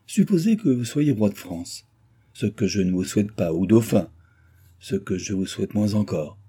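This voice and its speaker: A man reading an audiobook, voicing a mysterious male sorcerer with a calm, confident, faintly mocking manner. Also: fairly low pitch, moderate pace, husky. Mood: assured.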